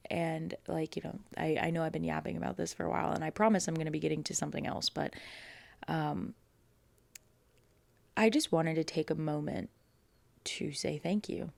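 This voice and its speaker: Young woman host, solo podcast, rambling casual delivery, gravelly low voice, dry close sound. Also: a little mellow, no room sound. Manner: rambling, filler-heavy, emotional.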